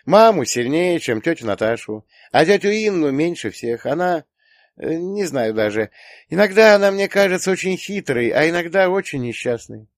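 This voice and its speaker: A sassy teenage girl, as a male reader puts her on, bossy and teasing, firing off quick retorts in an audiobook. Her voice sits high and bounces around lively. The recording is dry and close. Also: dry recording. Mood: musing. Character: teenage girl, sharp-tongued teasing daughter. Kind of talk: audiobook character voice.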